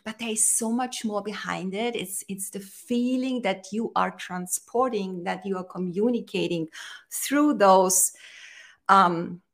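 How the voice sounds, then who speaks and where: An Austrian-born woman, a brand strategist, speaks slowly as a podcast guest in a conversational interview. Her medium-pitched voice is earnest and inspirational, with slightly halting non-native phrasing.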